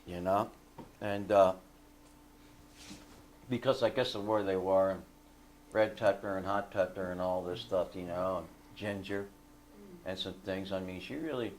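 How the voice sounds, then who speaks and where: A man leading a fellowship group, telling a story in a casual, animated way and asking the listeners for agreement. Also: deep voice, measured pace, long pauses, slight background noise.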